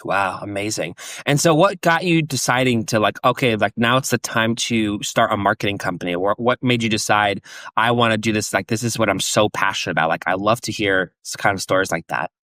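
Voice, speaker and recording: Enthusiastic host guy, bright voice, lots of likes, dry close mic. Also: fairly low pitch, a little fast, dry recording. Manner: enthusiastic, rambling with many "like" fillers. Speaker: podcast host. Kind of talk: casual podcast interview.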